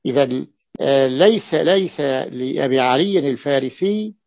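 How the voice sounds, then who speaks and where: A man's voice: medium pitch, lively intonation, moderate pace, no echo. A man teaching a grammar lesson as a sheikh, explaining step by step and repeating key phrases. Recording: dull, dry lo-fi recording.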